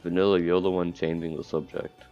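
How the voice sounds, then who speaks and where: Here the let's player's voice is deep and brisk, with little pitch movement, as he reads a visual novel's text aloud. He trips over words and breaks into casual asides, recorded on a dull lo-fi mic over game music.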